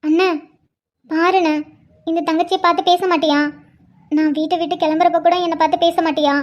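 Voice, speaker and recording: A woman's voice: very high voice, flat delivery, brisk. A woman voicing a tearful young bride who pleads and says a tender goodbye to her brother in a cartoon. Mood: pleading. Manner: pleading, affectionate. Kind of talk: Tamil cartoon voice acting.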